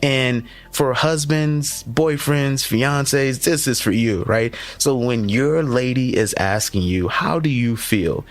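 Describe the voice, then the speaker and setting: Hosting a motivational podcast for educators, a man speaks in an energetic, conversational manner and frequently checks in with the listener. His voice sits in the mid range, and he talks slowly with few pauses.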